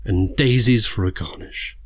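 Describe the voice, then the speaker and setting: A man's voice: fairly low pitch, unhurried, dry recording, clean studio sound. A man co-hosting a podcast in a casual, conversational way. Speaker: podcast co-host. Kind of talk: casual chat.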